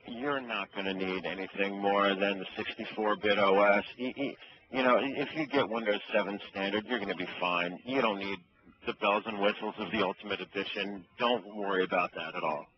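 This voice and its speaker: Low-voiced instructive man on muffled phone. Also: fairly even intonation, fairly quick. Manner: matter-of-fact, instructive. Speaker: electronics store employee. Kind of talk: explanatory customer-service phone talk. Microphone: telephone. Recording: muffled, faintly noisy phone line.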